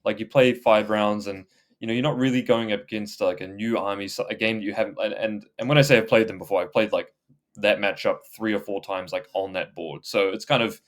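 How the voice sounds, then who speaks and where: A man's voice: fairly low pitch, fairly even intonation, brisk. A man co-hosting a gaming podcast, talking casually with many fillers and restarts and laughing easily. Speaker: podcast co-host.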